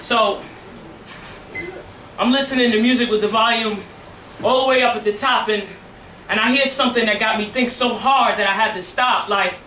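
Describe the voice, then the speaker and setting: High, bright-voiced woman performing slam poetry. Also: fairly even intonation, normal speed, pauses often. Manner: emphatic, dramatic delivery, often rising to shouts. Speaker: slam poet. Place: live poetry slam stage before an audience. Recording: echoey live event, distant mic, faint noise.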